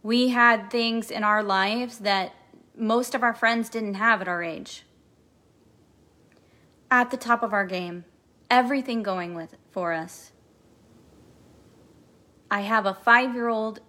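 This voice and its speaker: Speaking in a mid-range voice with a sharp tone, a podcast host and coach in her forties moves a little slowly and pauses often. Her motivational monologue is emphatic and heavily repetitive, with emotional moments.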